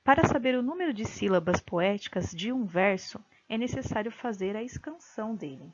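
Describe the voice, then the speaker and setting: A woman's voice: medium pitch, lively intonation, normal speed, lo-fi sound, slight background noise. A woman teacher giving a home-recorded video lesson, patiently sounding out syllables one by one.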